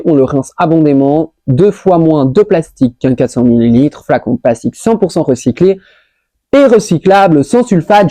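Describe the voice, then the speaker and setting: A woman's voice: lowish voice, warm tone, no room sound. A woman vlogger chatting casually through a monthly roundup, scattered and full of fillers, dropping English words as she goes. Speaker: lifestyle vlogger. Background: faint music playing.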